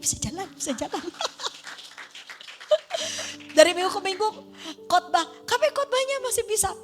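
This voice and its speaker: Animated woman pastor in her fifties. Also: high-pitched. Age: 50s. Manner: animated storytelling, acting out dialogue. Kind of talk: sermon testimony.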